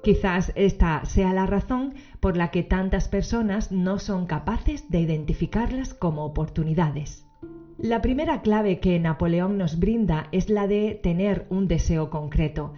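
A woman hosting a solo podcast, explaining in semi-scripted narration, addressing one listener directly. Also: on the low side. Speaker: podcast host. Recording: dull lo-fi audio, faint music behind.

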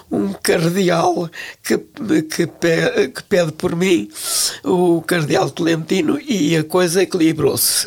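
A woman's voice: low-pitched, creaky, slightly rough. An older woman with a European Portuguese accent, talking as an interview guest in a reflective, hesitant way, often restarting her words. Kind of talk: relaxed interview conversation.

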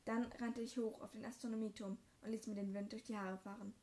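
A woman reading her own first-person fan fiction story aloud in a plain, even narrating voice. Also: medium pitch, brisk.

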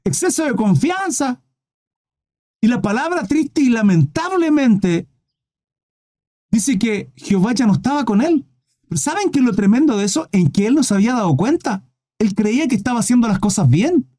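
A man's voice: very high-pitched, sing-song, moderate pace, warm tone. A man preaching in a livestreamed Bible study, emphatic, with many rhetorical questions, and he keeps calling his listeners "brother".

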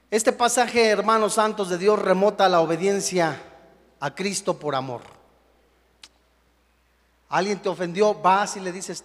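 A young adult man preaching a sermon as a pastor, animated, acting out the voices of the people he quotes. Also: sits high. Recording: long hall reverb.

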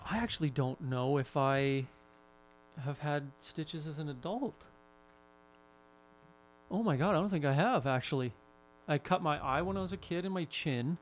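A man's voice: on the high side, animated, moderate pace, long pauses, a little hiss or hum. A man co-hosting a podcast, rambling through personal anecdotes in casual chat. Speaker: podcast co-host.

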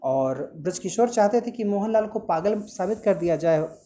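A woman's voice: medium pitch, lively intonation, normal speed, mellow. A woman teacher reading a story aloud and explaining it, stopping to ask and answer her own questions and to explain word meanings, with English words mixed in.

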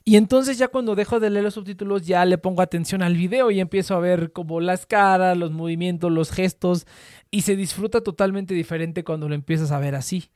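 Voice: mid-range voice, brisk, darkish tone, no echo, clean studio sound. A speaker with a Mexican Spanish accent chatting casually on a podcast, rambling with lots of fillers and swearing. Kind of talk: casual chat.

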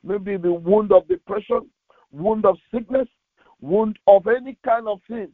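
This pastor's voice is high and his pace measured, with no room sound at all. He leads a fervent Pentecostal prayer sermon full of exhortation, pressing his words out insistently, phrase after repeated phrase, over a thin, radio-style phone sound.

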